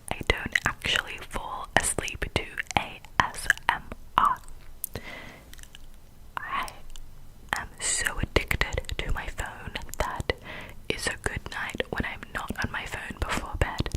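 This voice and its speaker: ASMR whisperer, cupped-hand delivery, fully unvoiced and breathy, unhurried, secretive, with soft repeated phrases. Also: poor audio. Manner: slow, softly repeats words and phrases. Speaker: ASMR video maker.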